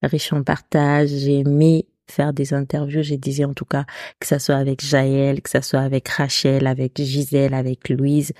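A woman's voice: a bass voice, completely flat delivery, moderate pace, mellow, dry recording, studio quality. A woman hosting her own podcast with a non-standard French accent, chatting casually and hesitantly, with many restarts. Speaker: podcast host. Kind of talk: casual solo podcast talk.

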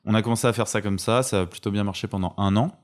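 Twenties male guest, deep voice, casual talker. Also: fast. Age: 20s. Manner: relaxed, chatty, many fillers. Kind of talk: casual interview.

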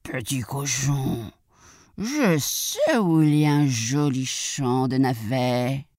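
A woman voicing a sly, menacing wolf in a children's storybook reading, drawing out every word in a slow, coaxing way. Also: extremely low pitch, expressive, darkish tone, no room sound, clean studio sound, voice pushed down, exaggerated voice. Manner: slow drawn-out coaxing delivery. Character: sly menacing big bad wolf, drawling and hungry.

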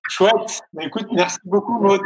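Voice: medium pitch, moderate pace, a little mellow. Brief, friendly interview host, echoey. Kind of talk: casual podcast interview.

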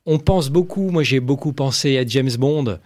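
A man giving enthusiastic film commentary, animated and full of exclamations and quick asides. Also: mid-range voice.

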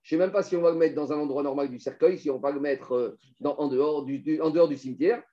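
A man's voice: fairly high pitch, fast, dark tone, muffled recording. A man teaching a Talmud class, explaining step by step and putting questions to his students.

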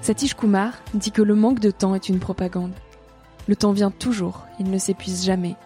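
A woman hosts a podcast, reading her narration and translations in a calm, measured, earnest way. Her voice is soft and mellow at a middle pitch. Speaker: podcast host. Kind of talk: scripted narration and voice-over translation.

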